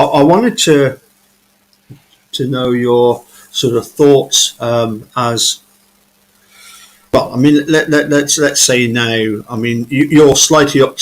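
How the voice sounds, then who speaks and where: A man in his thirties hosts a casual live chat interview, hesitantly stumbling and repeating words as he builds his questions. His voice is mid-range, and the recording is rough.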